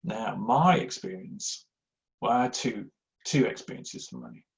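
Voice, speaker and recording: A man's voice: fairly low pitch, wildly swooping pitch, unhurried, gravelly. A middle-aged man, giving a rambling, anecdotal, self-deprecating talk on giving to a live audience, with plenty of ums and uhs. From Yorkshire, England. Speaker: church giving speaker. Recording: slightly dull lo-fi sound.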